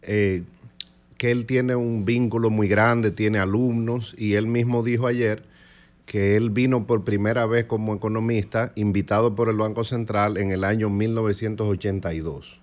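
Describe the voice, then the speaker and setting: A man with a Dominican Spanish accent, giving measured economic commentary on a morning radio panel, often pausing on fillers. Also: on the low side, steady tone, darkish tone. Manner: measured, hesitant with frequent fillers.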